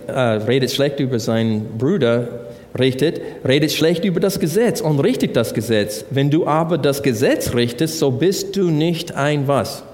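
A man's voice: mid-range voice, a little mellow. A man preaching a sermon, working through Bible verses and asking the congregation rhetorical questions. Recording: long hall reverb.

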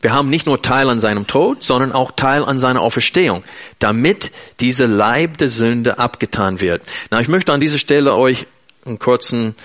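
A man's voice: mid-range voice, moderate pace, fairly bright tone. A man preaching an earnest, emphatic sermon in German, speaking directly to his listeners.

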